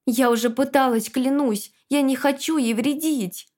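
A woman voicing a frightened female ghost, pleading in a strained, higher voice. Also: fairly even intonation, measured pace, darkish tone. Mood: desperate.

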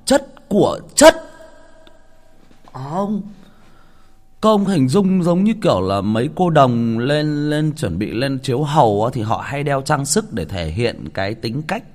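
Lively male storyteller. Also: mid-range voice, slow pace. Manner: animated, chatty, stumbles and repeats words, addresses listeners directly. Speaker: storyteller host. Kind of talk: casual first-person storytelling.

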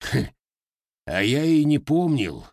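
A man's voice: mid-range voice, lively intonation, a little slow, a little mellow, dry recording, clean studio sound, voice pushed up. A man voicing a proud male Cossack blacksmith who speaks firmly and contemptuously in an audiobook. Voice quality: firm, contemptuous.

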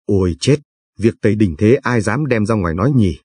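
Brief: man voicing a deferential clerk, eager to please, husky low voice. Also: animated, fairly quick, darkish tone, dry recording, studio quality. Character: fawning, nervous male clerk.

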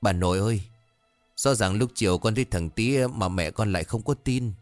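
A man's voice: lowish voice, normal speed, no echo, soft background music, natural voice. A man voicing a timid, curious young village boy who asks frightened, pleading questions. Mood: anxious.

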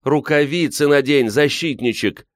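A man's voice: fairly low pitch, animated, moderate pace, clean tone, no echo, studio quality, voice pushed up, lightly acted. A man reading an audiobook, voicing an older grieving peasant woman who sighs and scolds. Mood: bossy alarm. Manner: sighing, plaintive, scolding. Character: weary grieving old peasant woman, motherly.

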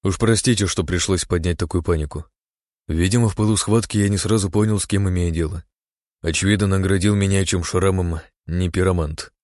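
A man's voice: low-pitched, steady tone, brisk, darkish tone, no echo, clean studio sound, close to an everyday voice. A man voicing an apologetic young male mage.

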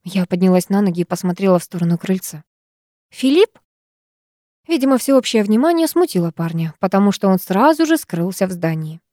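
A woman narrating a first-person audiobook story in a measured, expressive way. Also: medium pitch, no room sound, clean studio sound.

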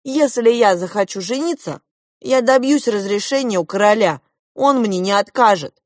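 A woman's voice: medium pitch, expressive, normal speed, no room sound, studio quality, voice pushed up, lightly acted. A woman reading a storybook aloud and voicing a proud, argumentative boy prince from an undersea kingdom, with a haughty, lecturing tone. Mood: boastful.

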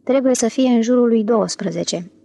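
A woman's voice: on the high side, gravelly, mellow, no echo. A woman voicing a guarded, curt middle-aged rich man in an audiobook. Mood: cold. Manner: curt and cold.

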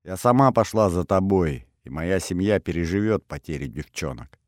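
A man's voice: sits low, expressive, normal speed, no echo, clean studio sound. A man voicing a frightened, tearful young noblewoman who speaks pleading and sobbing, in an audiobook. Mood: tearful, upset.

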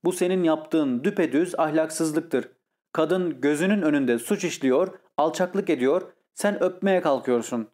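Scornful blustery brother, read by a man, scolding, fairly high voice, audiobook. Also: measured pace, darkish tone, natural voice. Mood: indignant. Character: indignant blustering older brother, landowner. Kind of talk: audiobook character reading.

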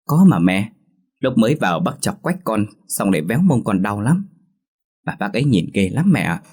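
A man's voice: fairly low pitch, very animated, moderate pace, a little mellow, husky, full character voice. A man voicing a small stubborn boy who talks with a childish lisp and insists on his story. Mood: insistent. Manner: lisping, insistent.

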